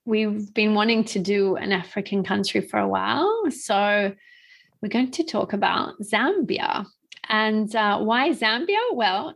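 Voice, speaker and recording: A woman's voice: medium pitch, gravelly, a bit bright, breathy edge. A woman co-hosting a podcast, chatting casually and asking questions in a friendly way, laughing often. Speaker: podcast co-host. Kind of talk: casual interview chat.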